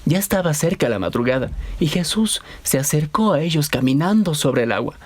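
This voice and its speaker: A man narrating a children's Bible story in a measured storytelling voice. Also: on the high side, animated.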